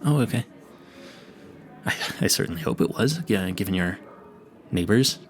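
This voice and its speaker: In an audio roleplay, a man plays a clueless young vampire hunter, speaking at a moderate pace with widely swinging pitch and a creaky edge. Nervous, eager, chatty and admiring, he stammers expressively, addresses the listener directly, and keeps losing his thread in earnest tangents.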